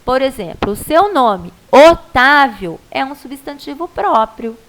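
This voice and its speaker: A woman's voice: high-pitched, big pitch swings, measured pace, a bit bright, low-quality recording. A Brazilian woman primary school teacher giving a patient, coaxing video lesson to a child, stretching out syllables to show stress.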